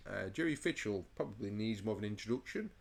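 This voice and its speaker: A man's voice: fairly low pitch, expressive, quick pace, vocal fry, slightly rough. A man casually commentating a chess game, rambling and stammering through restarts while overheated and sweating. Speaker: chess channel host.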